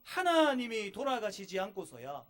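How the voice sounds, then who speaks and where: Man doing a grieving wife, tearful, reproachful, slow, high voice, sermon story. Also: huge pitch swings, fairly bright tone, full character voice.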